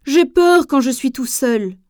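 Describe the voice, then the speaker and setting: A woman's voice: high voice, animated, a little slow, dark tone, dry recording, clean studio sound, voice pushed up. A woman voicing a timid young male lion who is fearful but turns brave, speaking in a pleading, worried way. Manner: pleading, trembling worry.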